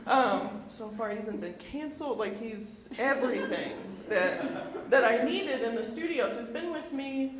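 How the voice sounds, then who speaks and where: A woman's voice: on the high side, expressive, a little slow, few pauses, crowd noise. A woman in her thirties with a Midwestern accent, giving a casual public artist talk, chatty and self-deprecating with many fillers. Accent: Midwestern American. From Indiana. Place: indoor event room. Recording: echoey room, faint noise.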